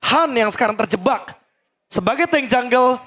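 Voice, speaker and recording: A man's voice: extremely high pitch, animated, normal speed, fairly bright tone, slight background noise. A man commentating on a live esports match as an analyst, explaining the play as it unfolds.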